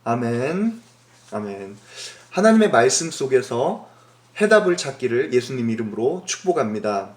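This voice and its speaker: A male pastor telling a Bible story in a Sunday school sermon, animated and often asking his listeners questions, in an echoey room. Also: a little high.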